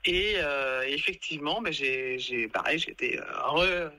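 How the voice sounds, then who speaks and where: A woman's voice: deep voice, unhurried, dry recording. A Parisian-born woman in her thirties, a guest coach telling her story in a casual podcast chat, full of fillers and restarts. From France, Paris. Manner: hesitant, many fillers and restarts, animated retelling.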